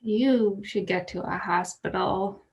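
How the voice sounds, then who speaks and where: A woman's voice: medium pitch, slow, poor audio. A woman playing in a tabletop game, speaking hesitantly with many fillers. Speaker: player. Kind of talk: casual tabletop play.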